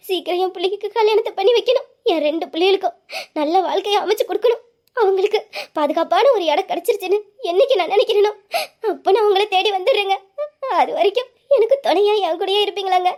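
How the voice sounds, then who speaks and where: A woman's voice: very high voice, a little mellow. Woman playing a tearful devoted widowed mother. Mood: grieving. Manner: pleading, tender and tearful. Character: widowed mother, middle-aged, devoted and self-sacrificing. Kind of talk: emotional family drama acting.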